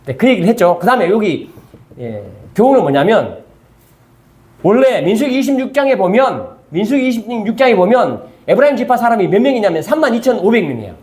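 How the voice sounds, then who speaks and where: A man's voice: sits high, sing-song, a little fast, a little mellow. An older man, a pastor with a Gyeongsang accent, teaching a Bible study sermon at church and constantly checking in with his listeners through rhetorical questions. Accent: Gyeongsang Korean. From Gyeongsang region, South Korea. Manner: keeps prodding listeners with rhetorical check-ins.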